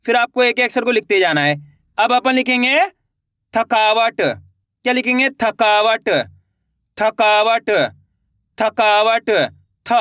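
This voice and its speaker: A young man with a strikingly high, sharp, crisp voice leads a children's spelling lesson, stretching every syllable and firing quick questions back at the class. He repeats each word again and again in a patient call-and-response drill. The recording is close and dry, with no room sound. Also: no echo. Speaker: Hindi writing teacher.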